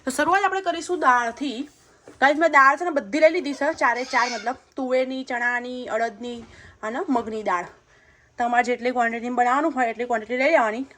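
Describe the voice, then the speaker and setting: In her family cooking vlog, a young woman with a Gujarati accent talks casually, laughs often, and calls her audience "guys." Her voice is on the high side and a bit bright, moving fairly quickly, with slight background noise.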